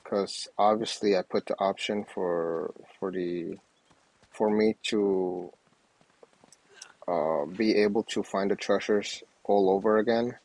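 Low-voiced, hesitant male gamer. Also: fairly even intonation, slow pace, darkish tone, dry recording, rough recording. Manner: rambling, hesitant. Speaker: gaming video host. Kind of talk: casual gameplay commentary. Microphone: wireless earbuds.

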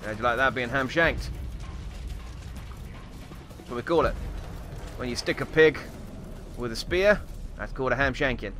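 A gameplay commentator with a mid-range voice plays a bumbling, boastful Australian survival expert, his put-on accent wandering as he rambles through mock lessons. The delivery is mock-instructive, hesitant and lightly acted, at a moderate pace with long pauses. It's improvised comedic commentary over a noisy background.

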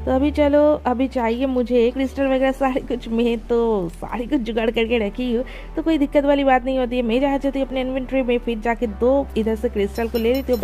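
Brief: young female gaming host, excitable running commentary, higher voice with a mellow, warm tone. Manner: chatty, excitable, talks to viewers while playing. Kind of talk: casual gameplay commentary.

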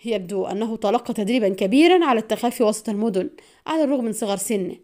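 A woman's voice: on the high side, expressive, racing, darkish tone, close to an everyday voice. A woman voicing a male military attaché who speaks urgently and in clipped lines under pressure. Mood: strained.

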